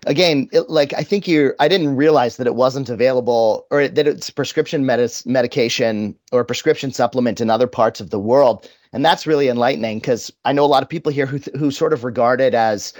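A man's voice: mid-range voice, fairly quick, few pauses, darkish tone, no room sound. A man, a radio contributor, talking casually and using "like" often while interviewing a guest in the studio.

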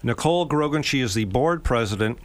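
A man's voice: mid-range voice, animated, brisk. A man hosting a community radio interview show, talking in a friendly, chatty way and laughing easily.

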